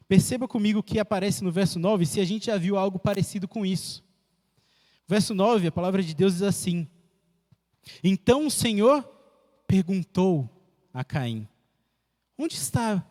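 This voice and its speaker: A man preaching a church sermon, emphatic and repetitive, with sharp swings in pitch. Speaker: pastor. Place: church sanctuary. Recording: echoey church hall.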